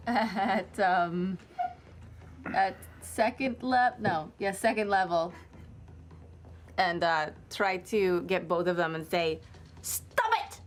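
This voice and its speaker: A woman's voice: lowish voice, steady tone, slow pace, long pauses, slight background noise. A woman playing a tabletop game, stating her actions hesitantly and correcting herself. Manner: hesitant, self-correcting declarations. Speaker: player. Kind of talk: casual tabletop play.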